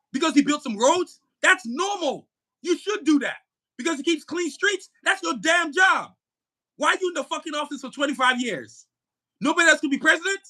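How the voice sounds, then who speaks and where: A man on a podcast ranting angrily about politics, cursing and emphatic. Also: extremely high pitch. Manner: angry, cursing, emphatic, shouting at times. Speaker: podcast co-host. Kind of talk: heated political podcast rant.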